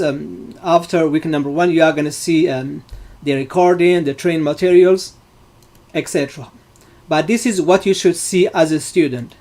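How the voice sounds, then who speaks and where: Middle-aged Moroccan-born instructor, fairly high voice, chatty class walkthrough, lots of fillers. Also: male voice, a little mellow. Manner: explanatory, frequent fillers and restarts. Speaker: data science instructor. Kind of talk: live online class walkthrough.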